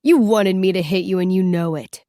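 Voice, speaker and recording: A woman's voice: lowish voice, normal speed, warm tone, no echo, clean studio sound, close to an everyday voice. A woman voicing a hot-headed teenage boy who growls his lines in an audiobook. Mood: angry. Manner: growling, heated.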